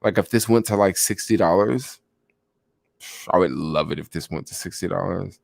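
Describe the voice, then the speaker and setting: A man's voice: low voice, normal speed, creaky, a little mellow, dry recording, studio quality. A young man chatting casually about stocks on a livestream, rambling with lots of fillers and answering viewers, sounding sleepy. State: sleepy, yawning. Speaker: stock vlogger.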